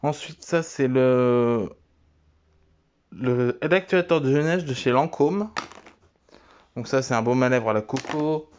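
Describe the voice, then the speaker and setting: A man casually showing and naming his items one by one, talking haltingly with many fillers and restarts. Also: mid-range voice, highs cut off. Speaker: vlogger. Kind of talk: casual show-and-tell.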